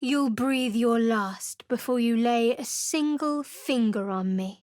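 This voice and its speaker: Speaking slowly in a slightly high, somewhat mellow voice, a woman portrays a guarded young cleric in a video game. The close-miked studio take is dry, and her tone is sardonic and cutting.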